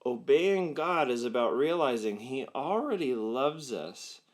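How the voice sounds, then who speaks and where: A man's voice: mid-range voice, expressive, unhurried. A young man co-hosting a student ministry video in casual chat, reading a story aloud and then teaching. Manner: upbeat, reads a choose-your-path story aloud.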